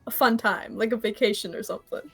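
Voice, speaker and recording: A woman's voice: a little high, quick pace, a bit bright, slightly rough, soft background music. A woman playing a tabletop game, talking hesitantly with many fillers. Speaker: player. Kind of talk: casual tabletop play.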